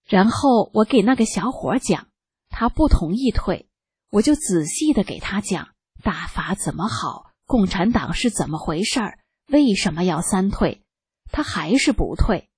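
An older woman reads her own testimony aloud, slowly and earnestly. Her voice is a little husky. The recording is close and dry. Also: mid-range voice, big pitch swings, darkish tone, no echo. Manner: slow, earnest storytelling. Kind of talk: read-aloud first-person testimony.

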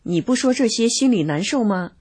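A woman's voice: a little high, expressive, fairly quick, darkish tone, husky, voice pushed up. An older woman reading the lines of a brusque middle-aged woman waiting for a bus, curt and dismissive.

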